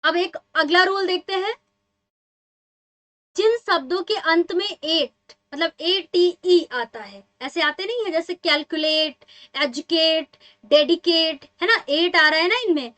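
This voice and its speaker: A woman's voice: extremely high pitch, slow, sharp tone. A young woman teacher explaining spelling rules to students in a patient, repeating manner, often asking the class questions.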